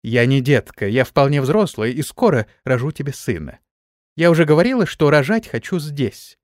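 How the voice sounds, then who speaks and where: A man's voice: medium pitch, sing-song, moderate pace, no echo, studio quality, lightly acted. A man reading the part of a young pregnant bride who is teasing and insistent. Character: young pregnant woman, playful and demanding bride.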